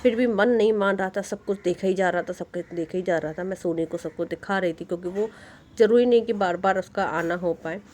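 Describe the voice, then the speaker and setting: A woman's voice: medium pitch, a little fast, darkish tone. A woman vlogging outdoors at a market in the evening. She talks in a chatty, enthusiastic way into a handheld phone and sprinkles English words into her talk. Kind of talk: casual vlog narration.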